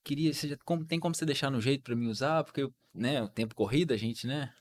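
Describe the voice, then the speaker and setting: A man from Brazil on a podcast, chatting casually as co-host. He hesitates and hunts for his words, talking in loose, unhurried phrases. His voice sits at a typical male pitch.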